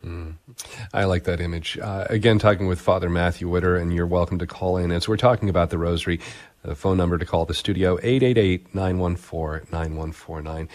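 A man hosting a call-in religious talk radio show, with a smooth radio host delivery as he asks questions and takes callers. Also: deep voice, fairly even intonation, brisk.

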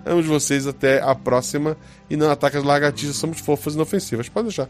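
A man's voice: on the high side, quick pace, faint music behind. A man with a Brazilian Portuguese accent, hosting a podcast as game master, chatting casually and teasing listeners. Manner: joking, teasing, reads listener comments.

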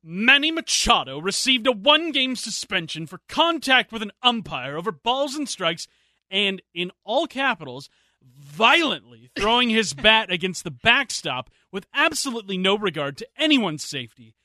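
Stuffy old person put on by a man, pompous, indignant, bright, dry sound. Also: high voice, big pitch swings, normal speed, dry recording, voice pushed up, full character voice.

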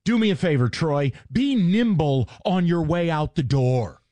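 A man's voice: a little high, lively intonation, unhurried, mellow. A male sports talk host ranting sarcastically with mocking jabs and heated emphasis.

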